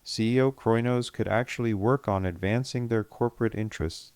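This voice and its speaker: A man narrating an audiobook in a steady, measured storytelling manner. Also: on the low side, smooth, dry recording. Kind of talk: scripted narration.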